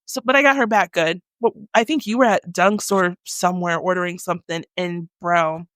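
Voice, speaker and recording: Animated woman telling stories. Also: fairly low pitch, moderate pace, no echo, studio quality. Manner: animated storyteller, acts out scenes with loud exclamations. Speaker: podcast co-host. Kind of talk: casual chat. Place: small studio room, on a couch.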